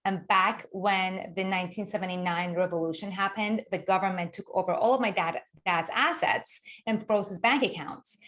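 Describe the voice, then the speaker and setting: A woman's voice: medium pitch, normal speed, hardly any pauses, a bit bright. Eager woman from Iran presenting a webinar. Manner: enthusiastic, explanatory, with many restarts. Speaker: guest speaker, author.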